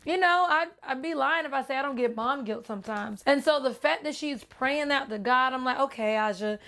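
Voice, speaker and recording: A woman vlogger telling a personal story to her viewers in a casual, animated way, often calling them y'all. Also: sits high, fairly quick. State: close to tears. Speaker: vlogger and author.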